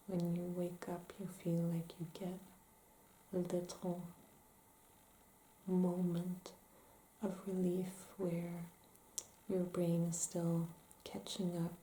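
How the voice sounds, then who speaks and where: A woman playing a calm, gentle therapist in an ASMR role-play, asking careful, hesitant questions in soft-spoken ASMR style. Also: on the low side. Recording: roomy echo, faint background noise.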